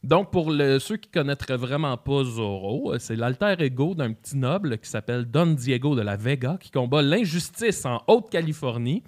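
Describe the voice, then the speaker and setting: A man's voice: medium pitch, normal speed, hardly any pauses. A man with a Québécois accent presenting his segment on a talk show in a casual, chatty way, with many fillers and restarts. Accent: Québécois French. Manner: animated, hesitant with many fillers. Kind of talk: casual chat.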